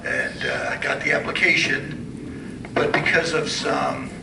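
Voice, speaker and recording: Audience guy asks a question from way back, gravelly and bouncy, lots of room echo. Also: fairly high pitch, wildly swooping pitch, measured pace. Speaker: audience member asking a question. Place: convention hall. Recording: echoey hall, speaking from far off, noisy.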